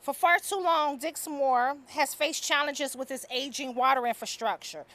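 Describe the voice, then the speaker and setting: A county commissioner addresses an outdoor ribbon-cutting crowd from a podium microphone. She speaks formally and projects with emphasis. Her voice sits high and sounds bright and sharp. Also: normal speed. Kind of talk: formal ceremony speech.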